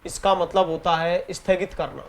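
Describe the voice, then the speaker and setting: A man with an Indian English accent teaching an exam-prep grammar lesson in Hindi. He reads the English example sentences slowly and deliberately and often repeats key words. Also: high-pitched, steady tone, vocal fry, a little hiss or hum. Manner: repeats key words and ends points with "theek hai".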